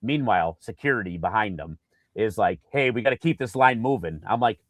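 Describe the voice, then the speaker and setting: A man co-hosting a casual sports podcast, telling an animated story with lots of fillers and acted-out quotes. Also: on the low side, fairly quick, no echo. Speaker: podcast co-host.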